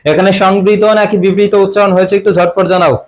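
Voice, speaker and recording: Young man, high voice, exam-prep tutor, questioning, throat-clearing. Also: little pitch movement, fast talker. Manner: quizzing students with repeated questions; clears his throat often. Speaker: admission coaching teacher. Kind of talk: online exam-prep class.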